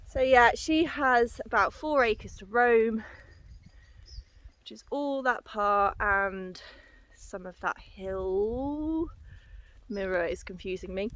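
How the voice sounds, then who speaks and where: A woman vlogging casually outdoors as she walks, out of breath and puffing while she talks. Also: a little high. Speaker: horse owner and vlogger. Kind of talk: casual vlog chat while walking. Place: outdoors on paddocks and hilly, boggy ground.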